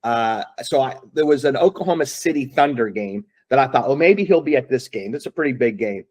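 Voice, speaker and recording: A middle-aged father tells a long story in a relaxed interview. He talks in an earnest, rambling way, full of fillers and restarts, at a middle pitch. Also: fairly quick. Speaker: guest, father.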